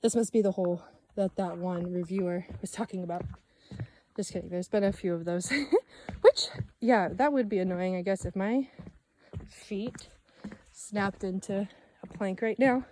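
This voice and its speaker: A young woman vlogger chats casually while hiking a forest trail, her medium-pitched voice unhurried and warm. She rambles with self-mocking asides, and there's a little hiss or hum in the recording.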